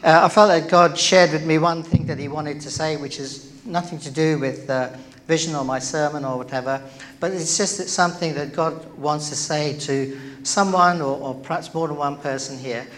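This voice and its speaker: A man's voice: fairly high pitch, fairly even intonation, moderate pace, a bit bright. Male pastor preaching conversationally. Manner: conversational, with many fillers and questions to the congregation. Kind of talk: sermon. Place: church.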